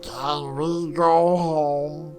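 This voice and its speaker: Man putting on a small straw creature, raspy whisper, storybook, timid and childlike, very slow. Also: a little high, flat delivery, faint music behind. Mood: pleading. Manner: halting, very slow words. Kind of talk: storybook narration.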